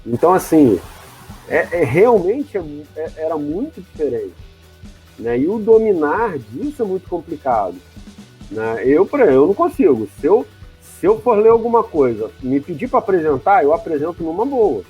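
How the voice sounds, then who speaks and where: A man's voice: a little high, big pitch swings, normal speed, a little mellow, husky, soft background music, low-quality recording. A man hosting an interview, talking hesitantly and often adding tag questions. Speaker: interview host. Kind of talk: casual interview.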